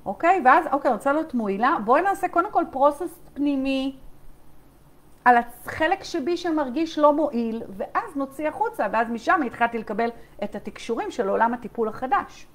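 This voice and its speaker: A woman's voice: sits high, lively intonation. A woman leading a live online coaching session. She talks straight to her listeners, reads their chat replies aloud and keeps checking in with emphatic "okay?"s. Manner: repetitive, emphatic, many "okay?" check-ins.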